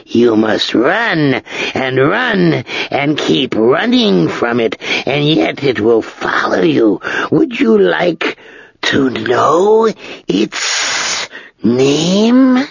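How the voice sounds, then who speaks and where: A vast old dragon, sly and mocking, dragging every word out slowly and rising high in taunts, as a man puts him on. The voice is gravelly and husky. The recording sounds slightly dull. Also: sing-song, dry recording, full character voice. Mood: taunting. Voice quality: slow drawn-out, taunting. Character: ancient huge male dragon, sly, mocking.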